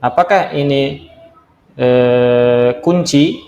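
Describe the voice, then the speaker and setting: A man's voice: mid-range voice, gravelly, a little mellow, reverberant, highs cut off. A man teaching beginner's Arabic from a textbook in a casual lesson, explaining step by step and drawing out each word as he demonstrates it. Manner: slow, drawn-out demonstration of words.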